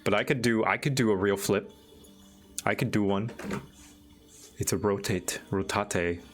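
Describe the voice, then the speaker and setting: Unhurried man chatting on a livestream over music. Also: lowish voice. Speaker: livestream host. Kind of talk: casual livestream chat, thinking aloud.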